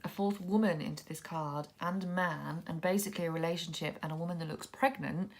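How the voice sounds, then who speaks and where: Her voice is lowish and a little fast, and she sounds stuffed up and sniffly with a cold. Going through a tarot deck, she offers casual, relaxed commentary, pondering things aloud as she goes.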